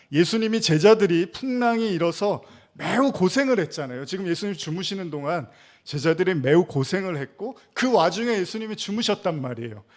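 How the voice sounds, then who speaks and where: A Korean pastor preaching a sermon in an animated way, asking rhetorical questions and acting out quoted lines. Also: male voice, high voice.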